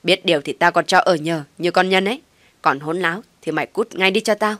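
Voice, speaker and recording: A woman voicing a harsh older mother-in-law who yells insults. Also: on the low side, fairly quick, dry recording, lightly acted. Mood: screaming. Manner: yelling, insulting.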